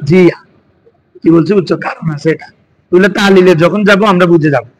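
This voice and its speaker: A man's voice: high voice, fast talker, rough recording. A man with a Bangladeshi Bengali accent teaching a class, constantly asking his students questions as he explains. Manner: quizzing students with frequent questions. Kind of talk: classroom lesson.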